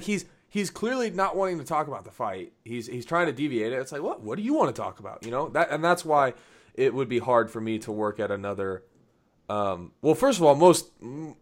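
Male podcast host, casual chatty storyteller, lively quoted voices. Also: mid-range voice. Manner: animated storyteller, acts out quotes; laughs often, many fillers.

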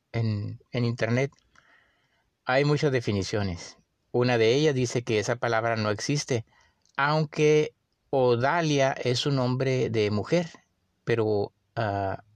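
A man with a Mexican accent hosting a podcast, musing in a relaxed way with many pauses and fillers. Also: mid-range voice, no room sound. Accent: Mexican Spanish. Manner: unhurried, with frequent fillers and restarts. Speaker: podcast host. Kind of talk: casual reflective monologue.

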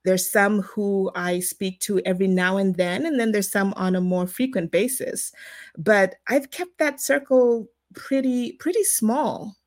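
A woman's voice: medium pitch, unhurried, dry recording, studio quality. A woman from Zimbabwe co-hosting a podcast, chatting casually and thoughtfully with some hesitant fillers. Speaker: podcast co-host.

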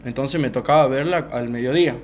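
A young man with a Rioplatense Spanish accent, calmly telling a personal story on a podcast, with many fillers. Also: mid-range voice. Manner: calm, unhurried, many fillers. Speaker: podcast co-host. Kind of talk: casual storytelling chat.

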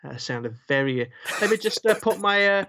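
A man's voice: sits high, expressive, normal speed, sharp tone, a little hiss or hum. A man co-hosting a podcast in casual chat, rambling and joking with lots of fillers. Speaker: podcast co-host.

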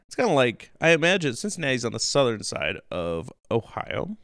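A man from Illinois co-hosts a relaxed history podcast with a joking, chatty manner. His voice has a gravelly edge but stays resonant. It is recorded close, with a dry sound. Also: mid-range voice, no room sound. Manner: joking, chatty, quick asides. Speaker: podcast co-host. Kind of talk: casual history chat.

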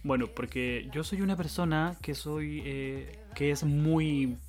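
A man's voice: fairly high pitch, fairly even intonation, slow pace, a little mellow, soft background music. A young Chilean man with a Chilean accent, telling a rambling story in casual podcast chat, full of slang and swearing. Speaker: podcast host.

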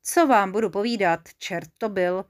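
A woman storyteller reading a children's tale in a lively, playful manner. Her pitch sits in a middling range, and she keeps the story moving with a teasing tone.

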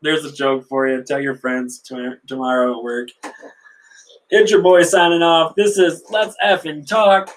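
Male solo podcast host with a fairly high voice, crude and profane, laughs often. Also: fairly even intonation, a little slow. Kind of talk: casual solo chat and joke-telling.

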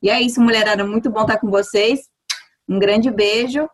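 A woman's voice: medium pitch, fairly even intonation, a little fast. Easygoing woman podcast co-host from Brazil. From São Paulo, Brazil. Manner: easygoing, slangy, upbeat. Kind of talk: casual podcast chat.

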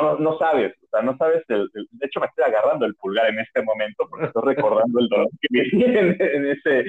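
A man with a Mexican accent telling personal stories on a podcast in a casual, rambling way, with many restarts and fillers. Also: medium pitch. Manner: chatty, rambling, full of "o sea" and restarts. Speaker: podcast host. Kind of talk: casual storytelling. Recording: narrow phone-like audio.

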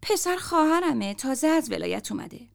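A woman reading the lines of a brisk, reassuring aunt in a story. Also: sits high, sing-song, gravelly, full character voice.

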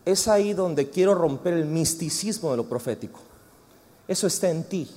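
A man's voice: on the high side, moderate pace. A man with a Mexican accent preaching a sermon, chatty and joking with the congregation. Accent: Mexican Spanish. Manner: animated, joking and chatty with the audience. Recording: reverberant hall.

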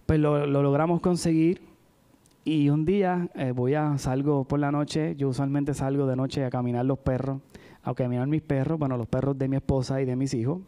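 Mellow-voiced preacher. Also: male voice, medium pitch, flat delivery, moderate pace, clear, resonant tone. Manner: chatty, frequent "¿verdad?" asides, addresses the congregation. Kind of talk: sermon with personal stories. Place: church.

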